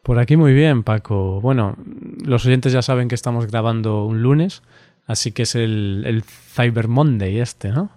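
A man's voice: mid-range voice, measured pace, mellow, no echo. Chatty Spanish man hosting, dry sound. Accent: Spanish, Spain. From Spain. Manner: chatty, laughs often, tags questions with ¿no?. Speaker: podcast host and Spanish teacher. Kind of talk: casual podcast chat for language learners.

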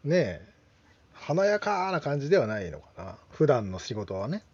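A man's voice: mid-range voice, very animated, moderate pace, darkish tone, husky, dry recording. A man interviewing a guest, engaged and summing up the guest's points in his own words. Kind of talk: casual interview talk. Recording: dry, dull lo-fi audio.

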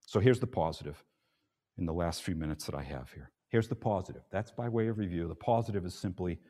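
A male pastor preaching a sermon, animated and conversational, with asides to his congregation. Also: fast. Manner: animated preaching, rising and dropping in pitch and loudness. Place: church sanctuary. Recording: long hall reverb.

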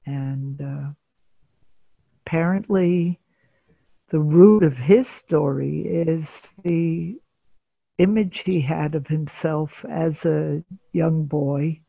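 Slow, gravelly older woman therapist. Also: deep voice, mellow, no echo. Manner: measured, pauses often with filler sounds. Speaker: psychotherapist guest. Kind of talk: storytelling in an interview.

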